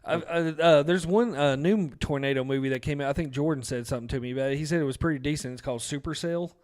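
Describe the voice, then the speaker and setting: A young man with a clear, smooth voice trades relaxed banter as a podcast co-host. He talks loosely and jokes around. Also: on the high side, fast. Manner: laid-back, joking banter. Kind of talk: casual chat.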